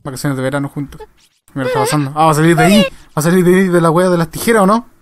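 A man with a Chilean accent giving crude, excitable let's play commentary, swearing constantly as he plays a game. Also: fairly high pitch, rapid-fire, no echo, clean studio sound. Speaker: gamer.

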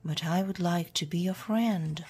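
A kindly little frog that speaks softly and croakily, as a woman reading a storybook puts him on. The voice is gravelly and breathy, and unhurried. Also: fairly low pitch. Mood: gentle. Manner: soft, croaky and hushed. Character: gentle male pond frog, kindly.

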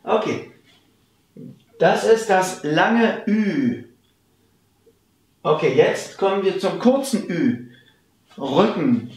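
A man gives a pronunciation lesson, lingering over every word and repeating it so it lands clearly. His voice sits fairly high and swings up and down with lively intonation. The room around him sounds noticeably echoey. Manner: slow, carefully enunciated, repeats model words. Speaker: German teacher.

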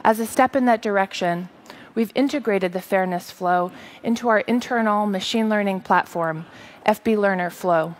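A woman in her thirties, presenting for a tech company, gives a rehearsed keynote on a large stage. Her medium-pitched voice is measured, earnest and articulate.

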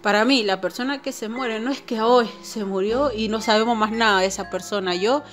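A woman's voice: on the high side, brisk, soft background music. A woman casually telling a personal paranormal story to her viewers, chatty and full of fillers and little "right?" tags. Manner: chatty, filler-heavy, keeps asking "¿no?". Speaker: channel host.

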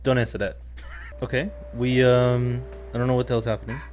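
A man's voice: medium pitch, little pitch movement, brisk, a little mellow, slight background noise. A young man giving casual, profane gameplay commentary as a channel host, jittery and slangy, with slightly impeded speech. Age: young adult. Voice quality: slightly impeded speech after dental surgery. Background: game music.

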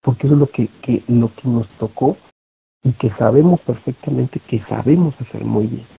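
A man with a Mexican accent teaches an online session to other teachers, keeping it conversational with many fillers and tag questions. His medium-pitched voice is gravelly and husky at a normal speed, heard through thin, phone-like audio.

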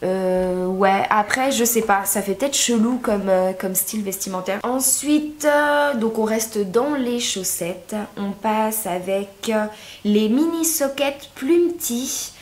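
A woman's voice: mid-range voice, slow. A woman vlogger from France, talking through an unboxing with lots of hesitant fillers. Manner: chatty, hesitant, many fillers. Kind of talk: casual unboxing chat. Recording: echoey room, faint background noise.

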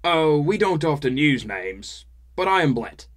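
A man's voice: on the high side, very animated, measured pace, pitched above the performer's own voice. A man voicing a cheerful male dwarf who talks in an eager, slightly hesitant way.

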